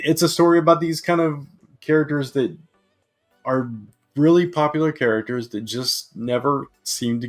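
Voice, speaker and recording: A man hosting a casual comic book review, eager and chatty, with lots of fillers and restarts, his voice a bit hoarse. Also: mid-range voice. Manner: enthusiastic, with many fillers and restarts. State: slightly hoarse.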